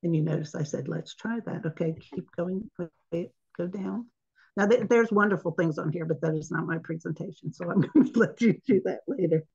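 A woman's voice: on the low side, fairly quick, vocal fry, darkish tone, slightly rough. A woman giving an informal online presentation, chatty and laughing at her own slip-ups, heard over a video call. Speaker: webinar presenter. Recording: dull lo-fi webinar audio.

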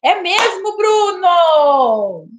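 Very high-voiced, exclamatory woman host. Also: very animated, drawn-out words. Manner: exclamatory, laughs often, greets viewers by name. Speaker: live stream host. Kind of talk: casual live-stream chat.

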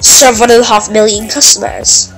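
A woman's voice: a little high, fairly even intonation, moderate pace, over loud music, rough recording. A woman casually commenting on a game she is playing, chatty and exclaiming, humming along at times. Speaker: gaming vlogger.

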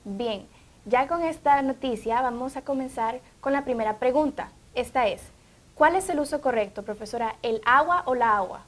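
A woman's voice: high voice, normal speed, a bit bright, a little hiss or hum. A woman with a Honduran Spanish accent, co-hosting an educational TV show, who reads out viewers' questions in an announcing tone. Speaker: TV co-host. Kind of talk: educational TV talk.

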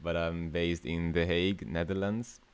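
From a small room indoors, a twenty-something Italian man with an Italian accent, a new media artist, runs a casual livestream masterclass, chatting with viewers, hesitating and often thinking aloud. He has a deep, clear, resonant voice with fairly even intonation, speaking at a normal speed.

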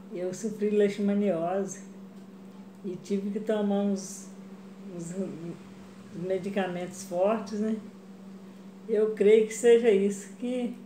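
A woman's voice: mid-range voice, dark tone, slight background noise. A middle-aged woman from Brazil talking casually while she makes fabric flowers in her home kitchen. She speaks to her viewers in a chatty way and keeps adding little check-ins as she goes. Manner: chatty, addresses viewers as "gente", frequent "né?" and "tá?". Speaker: craft vlogger. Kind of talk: casual craft tutorial chat. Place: home kitchen, indoors, tiled walls. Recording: echoey tiled kitchen.

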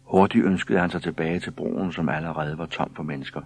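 A man narrates a children's story in a calm, even way. His voice sits very low and a little husky. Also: no echo. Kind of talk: scripted children's story reading.

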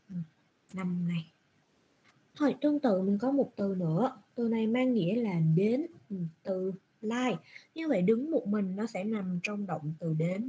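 Heard on a screen recording from a browser, a woman runs an online Japanese lesson in a warm, husky voice of medium pitch. She asks her questions patiently and answers them on her own.

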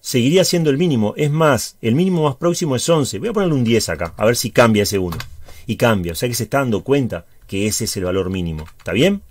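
Male teacher, Uruguayan Spanish accent, mid-pitched, step-by-step tutorial delivery, dry recording. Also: expressive, fast talker, dry recording. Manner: chatty, explains step by step with frequent check-ins. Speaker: high school teacher. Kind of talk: spreadsheet tutorial.

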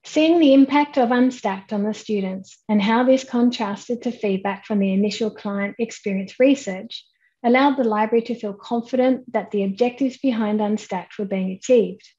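A woman, giving a measured, explanatory conference keynote over a webcam. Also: fairly high pitch, mellow, highs cut off. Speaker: keynote speaker. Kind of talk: online conference presentation. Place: indoors at home, plain wall behind. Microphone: webcam at desk, head and shoulders framing.

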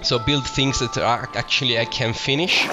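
With a steady, medium-pitched voice and an Italian accent, a young adult man from Italy narrates Minecraft as a let's play host, speaking at a moderate pace. His manner is chatty and enthusiastic, and he often restarts phrases to correct himself. Music runs behind the slightly dull, lo-fi audio.

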